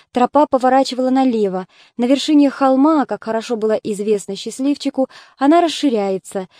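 A woman narrating an adventure audiobook in an even, measured reading. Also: fairly high pitch, no room sound, clean studio sound. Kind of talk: scripted narration.

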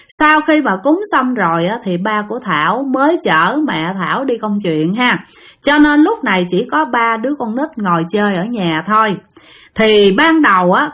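A woman's voice: a little high, a bit bright. A woman with a Southern Vietnamese accent, narrating ghost stories in a chatty way, addressing her listeners directly. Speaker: storyteller. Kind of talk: spoken ghost-story narration.

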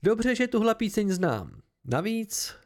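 A boisterous traveling piper, put on by a man in an audiobook. The voice is pitched noticeably higher than the reader's own, gravelly and full of swings. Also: big pitch swings. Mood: amused. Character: jovial male traveling piper.

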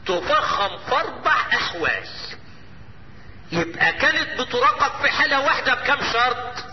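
A man with an Egyptian Arabic accent teaching Quran recitation rules, quizzing his students and answering his own questions, and chanting verses slowly. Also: very high-pitched, big pitch swings. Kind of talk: lesson. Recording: echoey hall, muffled lo-fi, faint hiss.

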